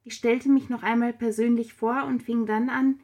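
A woman narrating a story aloud with steady, even delivery. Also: on the high side, normal speed, slightly rough. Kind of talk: storybook reading.

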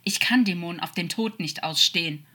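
A woman's voice: on the low side, brisk, sharp tone. A woman voicing a cold, scornful angel who speaks with hard contempt, in an audiobook fan-fiction reading. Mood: furious.

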